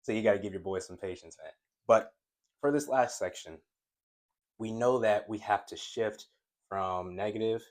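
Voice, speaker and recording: Deep-voiced man, stuttering with excitement. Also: moderate pace, pauses often. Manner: stutters when excited, talks to viewers as guys. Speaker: trading coach. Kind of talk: casual whiteboard lesson.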